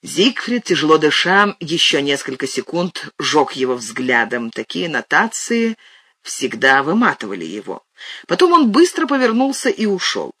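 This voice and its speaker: A man narrating an audiobook with expressive, animated storytelling. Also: on the high side, moderate pace, slightly rough, dry recording, studio quality. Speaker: audiobook reader. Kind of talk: scripted narration.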